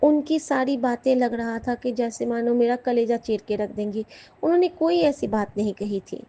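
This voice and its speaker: A woman's voice: a little high, normal speed, mellow. A woman giving an earnest, emotional devotional testimony to her listeners in a casual satsang talk. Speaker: satsang speaker.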